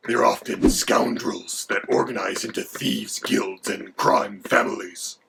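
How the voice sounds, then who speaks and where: A haughty, hungry male dragon, voiced by a man, speaking low in a rough, creaky, breathy rasp. He delivers facts in a lofty, deadpan way. The recording carries a steady hiss of background noise. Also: unhurried. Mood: lecturing. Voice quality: gravelly, creaky, partly whispered. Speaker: co-host.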